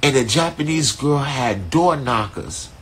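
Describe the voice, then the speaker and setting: A man, telling a story in casual street slang on a live stream from his phone, animated and profane. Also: medium pitch, measured pace, breathy edge. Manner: animated, profane, laid-back street slang with frequent "right?". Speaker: artist hosting a live stream.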